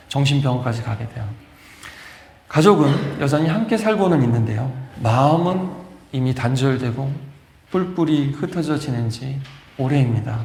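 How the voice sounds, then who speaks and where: A man's voice: medium pitch, creaky, darkish tone. Man preaching in an echoey church hall. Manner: emphatic, storytelling, acts out quoted lines. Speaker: pastor. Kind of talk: sermon. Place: church sanctuary.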